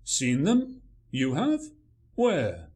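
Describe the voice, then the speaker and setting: A man's voice: fairly high pitch, wildly swooping pitch, very slow, darkish tone, exaggerated voice. A man playing a grumpy male writer, dry, sarcastic and dismissive in a radio play. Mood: sardonic.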